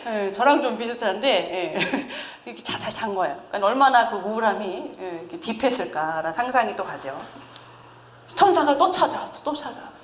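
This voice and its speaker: A woman in her thirties giving a chatty sermon, lively and often laughing as she teases the congregation. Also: medium pitch, brisk, hardly any pauses. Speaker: preacher. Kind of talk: conversational sermon. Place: church sanctuary. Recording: echoey church hall with faint ambience.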